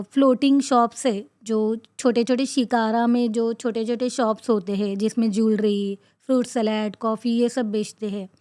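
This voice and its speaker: A woman podcast host tells her own story in an earnest, halting way, pausing often and filling gaps with short sounds. She repeats words for emphasis. Her voice sits a little high, and the recording is dry with no room sound. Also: no room sound. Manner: halting, with frequent pauses and fillers. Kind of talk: personal storytelling.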